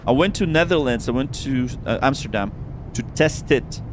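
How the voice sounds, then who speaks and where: A man's voice: mid-range voice, animated, moderate pace, background noise. A man hosting a casual flight simulator livestream, talking informally and often repeating his words. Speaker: livestream host.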